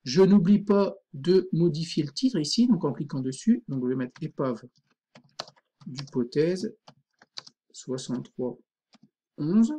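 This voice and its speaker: A man teaching a screen-recorded software tutorial, informal and thinking aloud, full of fillers. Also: on the high side, animated, moderate pace, few pauses, slight background noise.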